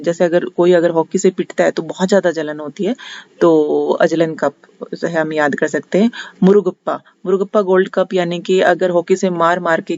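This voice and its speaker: A teacher with a Haryanvi accent patiently explains memory tricks in a general knowledge lesson. They go step by step, restate each point, and pause often. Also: medium pitch, a little mellow. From Haryana, India. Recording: dull, lo-fi, dry recording.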